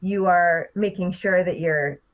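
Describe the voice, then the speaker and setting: A middle-aged woman, a public speaking coach, explaining techniques in a podcast interview with animated delivery. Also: lowish voice, unhurried. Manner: animated, explanatory, laughs often. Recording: tinny phone-like line.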